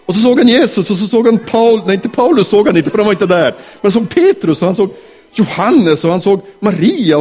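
A man telling a Bible story to children in character, animated and asking them questions. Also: high-pitched, slightly rough. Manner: animated, asks the audience questions. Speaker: children's talk leader.

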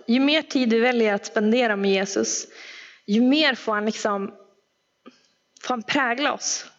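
A woman telling a personal story in a sermon, chatty, with many fillers and asides. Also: a little high. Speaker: preacher. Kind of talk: anecdotal sermon. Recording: echoey hall, dull sound.

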